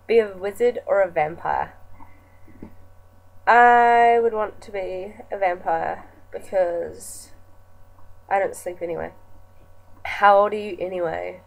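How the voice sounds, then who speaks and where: A woman's voice: medium pitch, vocal fry, low-quality recording. A nineteen-year-old woman with a New Zealand accent reading through an accent challenge word list in a casual vlog. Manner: slow, casual and chatty, reading words off a list. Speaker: vlogger.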